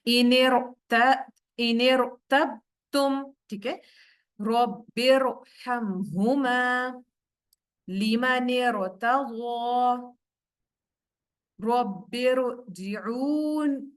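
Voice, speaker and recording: A patient woman teaching a recorded Quran recitation lesson. Her voice sits a little higher than most, and she poses a question to the class and then answers it herself. When she gives an example word, she slows right down and recites it with care. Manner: slows down sharply to recite Arabic words carefully. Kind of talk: recorded online tajweed lesson.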